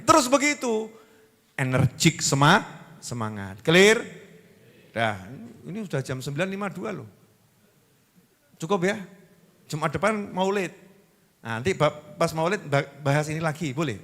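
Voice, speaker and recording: A middle-aged man with a Javanese accent preaching to a congregation, telling stories and acting out voices with humor. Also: mid-range voice. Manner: animated storytelling, acts out voices, jokes with the audience. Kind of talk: Islamic sermon to a congregation. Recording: long hall reverb.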